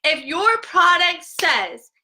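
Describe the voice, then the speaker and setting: Bright high-voiced young woman ranting on a live. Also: very animated, slow, rough recording. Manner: filler-heavy, repeats "like" constantly. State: tearful at times. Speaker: essential oils seller. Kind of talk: emotional live stream rant.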